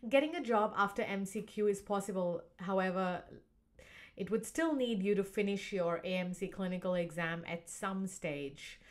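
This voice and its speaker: A woman from Uganda who hosts her own channel, explaining a career process in a clear, earnest and steady way. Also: medium pitch, moderate pace. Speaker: channel host and doctor coaching for medical exams. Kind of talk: explanatory talk to camera.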